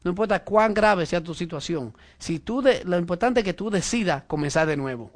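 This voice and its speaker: A man's voice: high voice, expressive, moderate pace. A man preaching a conversational sermon, often asking his listeners if they follow and adding amen. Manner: frequent "¿verdad?" and "amén" asides, addresses listener directly.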